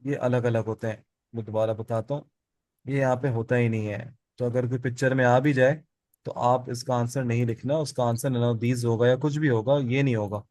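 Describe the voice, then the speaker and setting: A male biology teacher, speaking at a middle pitch and lecturing to a classroom. He puts questions to the students and then answers them himself, saying each key term twice. The sound is close and dry. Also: fairly even intonation, normal speed, darkish tone, no echo.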